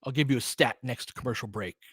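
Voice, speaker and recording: Speaking fast, a man with a mid-range, fairly bright voice that has a breathy edge does live play-by-play for fans, trading conversational remarks with them and calling the action in clipped bursts. It's informal basketball commentary mixed with chat replies, captured dry in a clean studio.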